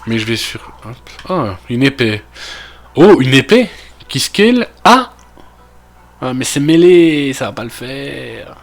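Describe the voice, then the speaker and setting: A man from Belgium with a Belgian French accent, getting over a cold, talking through a video game in casual commentary full of fillers and trailing asides. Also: on the high side. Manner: thinking aloud, many fillers and trailing asides. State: recovering from a cold. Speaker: gaming video creator.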